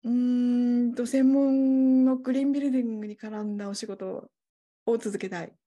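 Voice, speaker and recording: A woman's voice: a little high, fairly even intonation, normal speed, warm tone. Chatty woman hosting a video-call interview. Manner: chatty, friendly questioning. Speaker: host. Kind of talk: casual online interview.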